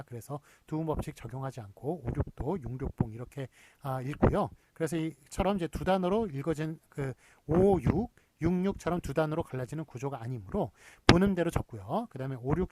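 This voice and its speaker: A man's voice: on the high side, mellow, slightly rough. A man lecturing in a recorded university class, explaining step by step with frequent fillers.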